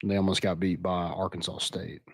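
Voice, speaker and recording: Low-voiced man telling stories animatedly. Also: little pitch movement, normal speed, creaky, no echo. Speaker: podcast co-host. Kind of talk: casual sports chat.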